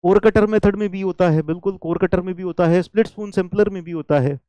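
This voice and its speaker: This male engineering lecturer speaks quickly in a high, dark, smooth voice with no echo. He often checks whether students are following, restates important points, and occasionally drops into English.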